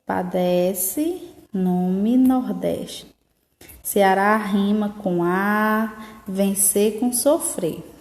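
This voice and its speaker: A woman's voice: mid-range voice, very slow, darkish tone. A woman teacher explaining a lesson, often checking in with tag questions. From Northeast Brazil. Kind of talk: remote school lesson. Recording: echoey room with long reverb.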